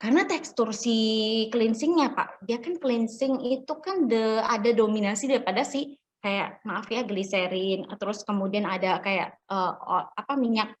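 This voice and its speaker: A woman's voice: a little high, normal speed. A woman in her thirties, a beauty consultant, explaining products in a chatty podcast talk, often stopping to search for words. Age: 30s.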